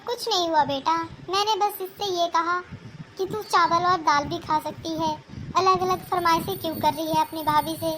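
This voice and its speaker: Woman voicing an older cartoon mother-in-law, lectures hard, very high-pitched. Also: steady tone, moderate pace, background noise. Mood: lecturing. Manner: scolding, lecturing. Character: older scolding mother-in-law, sharp-tongued but fair. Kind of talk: cartoon voice acting.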